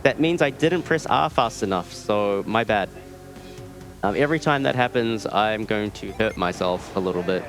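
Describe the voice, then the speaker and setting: Speaking with a New Zealand accent, this speedrunner presents a live run at a marathon event, joking dryly and keeping things casual as he games. His fairly low, fairly bright voice is animated and moderately paced, with game music in the background.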